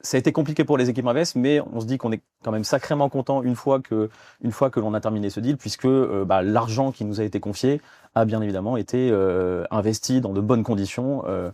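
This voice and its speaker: A man's voice: on the low side, a little fast, dark tone, no room sound. A man in his thirties from France, a guest in a business interview, talking with many fillers and restarts. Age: 30s. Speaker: guest, fund development director.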